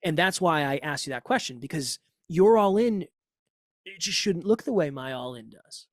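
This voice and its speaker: A man's voice: fairly high pitch, dry recording, studio quality. Emphatic man with a Boston accent. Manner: emphatic, animated, quick asides. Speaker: podcast coach, guest. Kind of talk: casual conversation.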